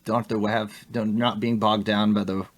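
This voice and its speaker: A young man appears as a podcast guest in a casual interview chat, easygoing and conversational. Animated and quick to laugh, he often restarts sentences as his thoughts race ahead, speaking at a moderate pace in a lowish voice.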